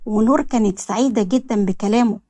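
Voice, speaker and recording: Woman, Egyptian accent, romance story narration, steady, fairly high voice, dry close sound. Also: fast, no room sound.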